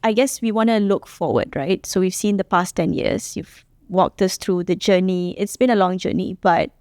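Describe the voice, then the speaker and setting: A woman's voice: fairly low pitch, moderate pace, darkish tone, no room sound. A woman hosting a casual panel chat, encouraging and affirming her guests often. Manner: encouraging, lots of affirming backchannel. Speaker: host.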